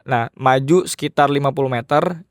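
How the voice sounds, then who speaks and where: A man's voice: medium pitch, normal speed. A man telling a horror story in a casual podcast chat.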